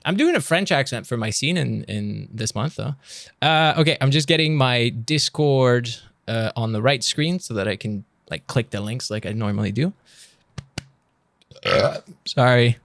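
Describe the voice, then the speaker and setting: A man's voice: mid-range voice, no echo. A male streamer chatting casually on a live stream, self-mocking and swearing freely.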